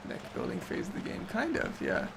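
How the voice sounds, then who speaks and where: Talking a little fast over background noise and loud game music, a young man hosts a let's play. He comments casually as he plays, drifts into reminiscing, and keeps losing his train of thought.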